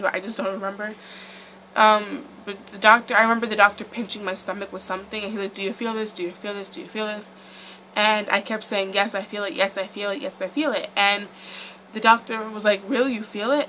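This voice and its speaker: A woman's voice: medium pitch, sharp tone, slight background noise, poor audio. A young woman vlogger telling a casual storytime in a chatty, rambling way full of "like" and "um".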